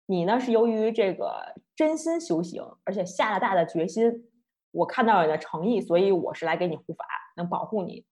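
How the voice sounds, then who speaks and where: A woman storyteller voicing a male guardian bodhisattva who speaks in a measured, deliberate way. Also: medium pitch, animated, darkish tone, close to an everyday voice. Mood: calm. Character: calm guardian bodhisattva, male, patient and stern.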